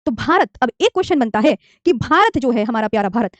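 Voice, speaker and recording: High-voiced coaxing woman teacher. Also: expressive, fast, no echo. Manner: coaxing, repeats key terms and asks students to say them along; calls students "dear children", mixes English terms into Hindi. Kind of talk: online geography lesson. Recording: dry, slightly dull lo-fi mic.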